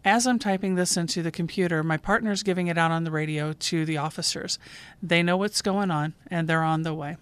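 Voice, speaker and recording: A woman, a 911 dispatcher who hosts her own podcast, calmly narrating a true call in scripted form. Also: on the low side, brisk, clean tone.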